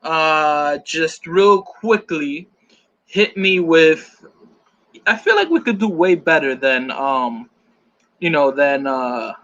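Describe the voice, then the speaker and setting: Bright, joking man chatting on a stream. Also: on the high side, expressive, slow, lo-fi sound. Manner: loose and joking, reading out chat comments. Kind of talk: casual live-stream chat.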